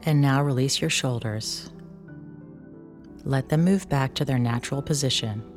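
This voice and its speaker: Casting: low-pitched female sleep story narrator for guided relaxation, soothing, unhurried, gently paused, over music. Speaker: relaxation exercise instructor.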